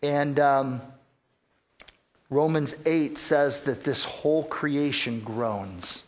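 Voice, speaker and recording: A man's voice: mid-range voice, drawn-out words. A man preaching a sermon earnestly, sometimes repeating words while he searches for the next thought. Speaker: pastor.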